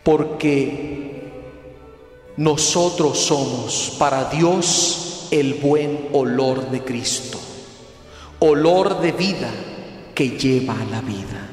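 A man's voice: medium pitch, extremely slow, pauses often, a little mellow. A man preaching a fervent retreat sermon with rising, emphatic exclamations. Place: retreat hall. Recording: echoey hall with faint music.

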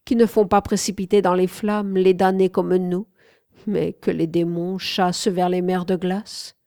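A woman reading a devoted young man in an audiobook, pouring out fervent declarations of love. The delivery is slow and mellow, recorded dry and close. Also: lowish voice, no room sound. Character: young man smitten and submissive, lovesick servant.

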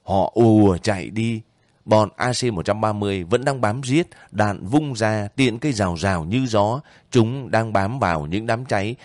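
A man narrating a war novel in a steady, measured storytelling voice. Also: fairly low pitch, no room sound. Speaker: audiobook narrator.

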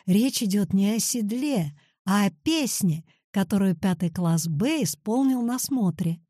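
Audiobook: woman as a stern, formal school official, husky and dry. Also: medium pitch, lively intonation, measured pace, dark tone, dry recording.

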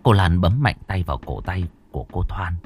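A man narrating a horror story in a measured, dramatic way. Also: low-pitched, animated, darkish tone, a little hiss or hum.

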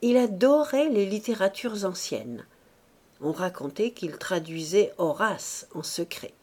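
A woman reading a classic novel aloud as narrator, in a measured, clear manner. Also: mid-range voice, expressive, warm tone. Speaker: audiobook reader.

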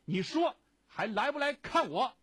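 A raging male prisoner, as a man reads him out bellows his demands in a husky, high-strained voice that swings wildly. The sound is close and dry. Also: very animated, normal speed, no echo, heavily acted. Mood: furious shouting. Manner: shouting, menacing demands. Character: furious male prisoner, a former boxer.

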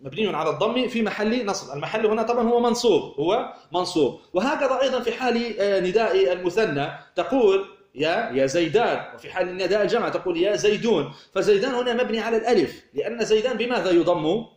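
A man teaches grammar at a fast clip, his voice sitting high. He keeps asking a question and then answering it himself, restarting phrases along the way. The room around him is echoey. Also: lively intonation. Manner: explanatory, asks himself questions and answers them, many restarts. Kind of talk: recorded grammar lesson.

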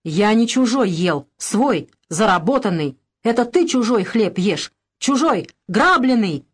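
A woman voicing a fiery, blunt old peasant man who shouts his mind, in a storybook reading. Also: a little high, lively intonation, moderate pace, voice pushed up. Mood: angry.

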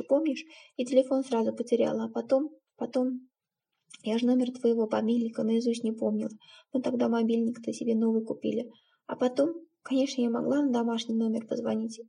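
A woman reading the part of a middle-aged stepmother who speaks in a halting, tearful, self-reproaching way. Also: a little high, level tone, vocal fry, mellow, slightly rough. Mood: guilty, tearful.

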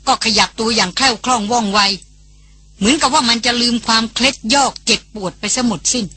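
Woman audiobook reader, higher voice, breathy and bright, steady storytelling. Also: fairly quick, dry recording. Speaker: audiobook narrator. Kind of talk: scripted novel narration.

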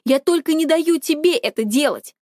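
A woman's voice: high-pitched, animated, normal speed, darkish tone, dry recording, studio quality, voice pushed up. A woman voicing a spiteful, controlling teenage older brother who talks in a sneering, scornful way.

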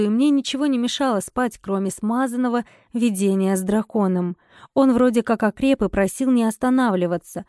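A woman narrating a first-person audiobook expressively, her dialogue flaring into sharp irritation. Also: a little high, no echo, clean studio sound.

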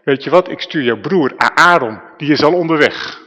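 A man's voice: a little high, animated, normal speed, pushed and bright, dull audio. A man voicing God as a patient figure who talks in casual, everyday words. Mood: plain, insistent. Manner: casual everyday speech, like a friend. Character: patient, frank God speaking plainly. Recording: reverberant church hall.

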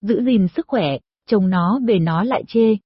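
A woman voicing a nosy, chatty older village woman who pries into her neighbor's business, in a shrill, gossipy manner, for an audio story. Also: lively intonation, measured pace, breathy edge, no echo. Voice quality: shrill, prying. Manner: gossipy, scolding, probing. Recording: dull lo-fi recording.

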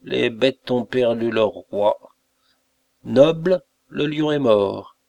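A man doing a drawling nasal old crone, mocking, slow, storybook. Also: mid-range voice, creaky, dark tone, no room sound. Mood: prophetic. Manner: mocking, ominous. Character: sly old beggar woman, cackling.

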